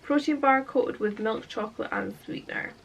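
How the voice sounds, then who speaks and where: Young woman, bright-ish voice, chatty unboxing vlogger, faint background hiss. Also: fairly high pitch, normal speed, creaky. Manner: chatty, talks while eating a snack. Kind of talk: casual unboxing vlog.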